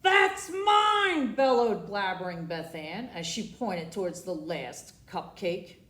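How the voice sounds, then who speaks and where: Hosting library storytime, a woman reads a children's storybook aloud theatrically, often asking the young listeners questions. Her fairly low, slightly mellow voice moves a little slowly in an echoey room.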